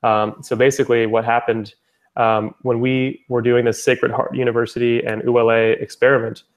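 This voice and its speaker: A young man explaining something in a loose, rambling way, full of fillers and self-corrections. His voice sits at an ordinary middle pitch and stays very flat, with little rise or fall. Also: moderate pace. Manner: rambling, with many fillers and restarts. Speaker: founder presenting his language-exchange platform. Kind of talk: casual spoken presentation.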